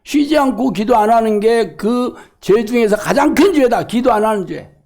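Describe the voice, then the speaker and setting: A middle-aged man preaching a lively, colloquial sermon as a pastor, acting out quoted voices and laughing along. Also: extremely high pitch, moderate pace. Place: church or hall.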